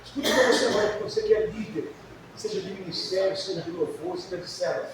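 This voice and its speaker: A middle-aged man preaching a sermon, telling a lively story about his family, swinging between shouted peaks and hushed asides. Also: high-pitched, fast talker, background noise. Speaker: pastor. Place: church hall. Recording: echoey church sound from far off.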